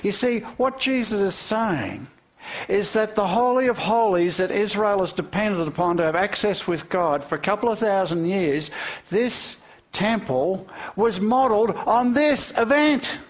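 Animated male preacher, fairly high voice. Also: unhurried. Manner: animated storytelling with rhetorical questions and chuckles. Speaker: pastor. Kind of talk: sermon.

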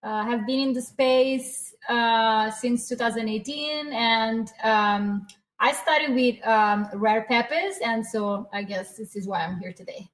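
A woman's voice: a little high, steady tone, takes it slowly. A woman guest, an art curator, introducing herself in a hesitant, friendly way with many ums. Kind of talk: casual panel chat.

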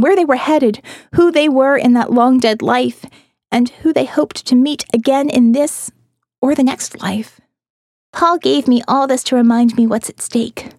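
Captured on a close studio microphone with a dry sound and no room ambience, a fairly high-voiced female narrator reads a first-person diary for an audiobook. Her delivery is expressive and reflective, touched with wry humor.

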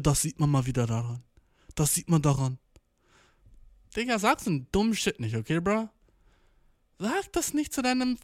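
A man's voice: fairly high pitch, dry recording, studio quality. A young man casually reacting to a read-out story, blunt and slangy, sprinkling in English words. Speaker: commentator.

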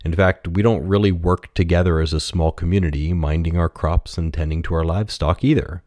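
A man hosting a storytelling podcast, reading a children's fable in an expressive, gentle teaching tone on a close mic. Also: sits low, fairly quick, no echo.

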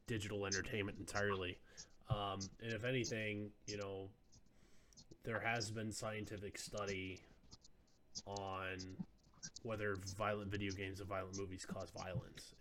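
A man with a fairly low voice co-hosts a casual podcast, laying out his argument deliberately and pausing often to think. The recording carries clear background noise and occasional clicks. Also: fairly bright tone. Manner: measured, argumentative, with thinking pauses. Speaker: podcast co-host.

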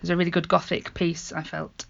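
A woman's voice: lowish voice, little pitch movement, a little fast, vocal fry, no room sound, muffled recording. A woman chatting expressively and emphatically as a guest in a casual film discussion. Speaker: podcast guest.

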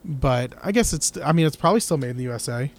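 A man's voice: medium pitch, lively intonation, quick pace. A man co-hosting a casual guitar podcast, talking in a rambling, opinionated way with many restarts. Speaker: podcast co-host. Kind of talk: casual chat.

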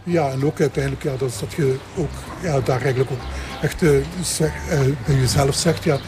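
A man's voice: medium pitch, brisk, music in the background. An older Belgian man in his seventies with a Limburg accent, speaking hesitantly as a parish priest answering interview questions. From Belgian Limburg, Flanders. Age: 70s. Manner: hesitant, repeats himself.

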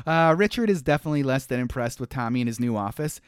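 A talkative man in a casual movie-recap chat, rambling from scene to scene with quick laughs. His voice sits a bit higher than most men's, recorded close and dry with no room sound. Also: clear, resonant tone, no echo. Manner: chatty, rambling, with frequent laughs and "uh" fillers. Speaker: podcast co-host recapping a film.

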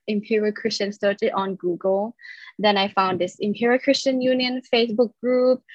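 A woman's voice: medium pitch, dry recording. Chatty young woman from Thailand, dry sound. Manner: chatty and upbeat, laughs between stories. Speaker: podcast guest. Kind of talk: casual interview chat. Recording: slightly dull dry sound.

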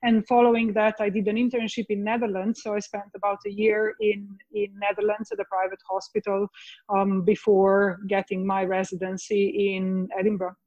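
A woman from Slovenia speaks English with a Slovenian accent in a dry, close-miked sound. Her voice sits at a middle pitch. She talks in a measured, thoughtful way, pausing often with soft ums as a podcast guest. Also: level tone, no room sound, dull audio. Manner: measured, hesitant with frequent ums. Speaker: guest, veterinary oncologist. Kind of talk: casual podcast chat. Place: living room at home.

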